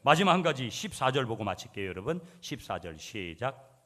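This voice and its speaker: A male pastor preaching a sermon, swinging between loud declarations and quiet asides and calling for responses from the congregation. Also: mid-range voice, sing-song, a little fast.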